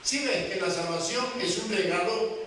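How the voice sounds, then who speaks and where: A male preacher delivering a sermon, slow and emphatic, asking the congregation rhetorical questions. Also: high-pitched, fairly bright tone. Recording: echoey hall, mic from far off, faint background noise.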